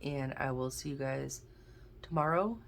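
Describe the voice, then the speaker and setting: A woman doing a casual pick-a-card reading, thinking aloud with many restarts and a gentle, encouraging manner. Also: very deep voice, unhurried, creaky, a little hiss or hum. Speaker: tarot card reader.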